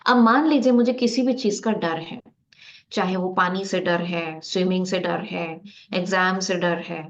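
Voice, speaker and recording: A woman's voice: lowish voice, steady tone, a little slow. A woman lecturing on psychology in a conversational, motivational style, often asking her listeners rhetorical questions. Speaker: guest speaker on psychology. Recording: slightly dull, lo-fi recording.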